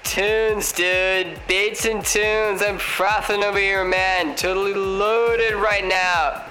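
A man's voice: high-pitched, fairly even intonation, slow, sharp tone, faint music behind, full character voice, poor audio. A man playing a laid-back young male surfer guest, speaking in drawling surfer slang. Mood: stoked.

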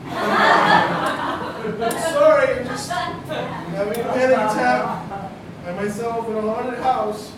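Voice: mid-range voice, slow pace, pauses often, over a noisy crowd, natural voice. An actor playing a nerdy, cowardly teenage boy with an anxious, dramatic manner in a comedy sketch. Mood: panicked, sorry. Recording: echoey, noisy, far from mic.

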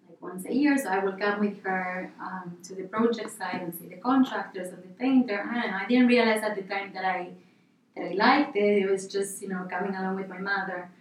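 A woman's voice: mid-range voice, steady tone, fairly quick, far from the mic, slight background noise. Argentine woman guest in an echoey room. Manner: rambling, casual, many fillers and restarts. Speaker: interior designer, guest. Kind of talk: podcast interview. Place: office.

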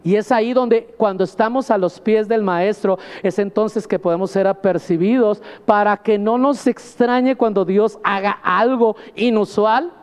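A man delivers a sermon from the pulpit, his voice riding high for a man. He is emphatic and keeps calling the congregation "brother." The sound rings with the long reverb of a church hall. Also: a little slow, few pauses, smooth. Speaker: pastor.

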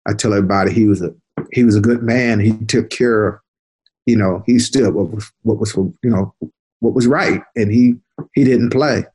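An older man, a retired detective, telling stories from his career in an unhurried conversational way, often repeating words as he recalls. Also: lowish voice, a little mellow, slightly rough. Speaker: interview guest, retired police detective. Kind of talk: conversational storytelling.

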